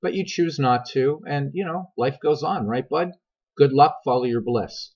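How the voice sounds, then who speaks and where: A dull, slightly lo-fi recording of a middle-aged man hosting a game tutorial. His voice is husky with a smoker's rasp. He talks conversationally to viewers and wanders into asides as he explains. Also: mid-range voice, normal speed, darkish tone. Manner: conversational, digressive, addresses viewers directly. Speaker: video game tutorial host. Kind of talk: casual, rambling tutorial narration. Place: voice-over recorded over screen capture. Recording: dull, lo-fi microphone sound.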